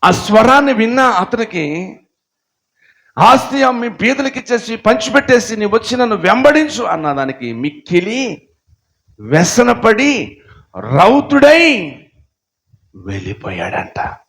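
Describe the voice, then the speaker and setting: A man preaching a sermon, dropping to low murmurs and rising to shouted appeals, with strings of repeated rhetorical questions. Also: very animated, measured pace, long pauses.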